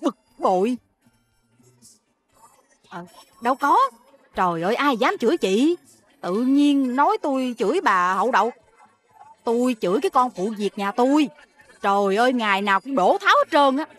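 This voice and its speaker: A shrill nagging Southern mother. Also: lively intonation, normal speed, pauses often, fairly bright tone, faint music behind. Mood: grumbling. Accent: Southern Vietnamese. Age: middle-aged. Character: sharp-tongued middle-aged woman, scolding, doting mother. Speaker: domineering mother and market boss.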